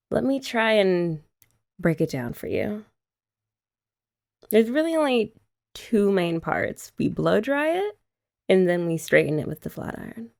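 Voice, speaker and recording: A young woman's medium-pitched voice sounds gravelly with a darkish tone as she performs a scripted ASMR girlfriend roleplay. An ASMR creator, she chats playfully with her partner, often teasing and laughing.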